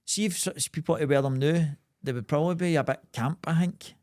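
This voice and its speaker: A man's voice: fairly high pitch, quick pace, darkish tone, dry recording. Scottish male podcast co-host, close dry sound, foul-mouthed and jokey, loose comic banter. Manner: sweary, jokey. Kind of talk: casual comedic banter.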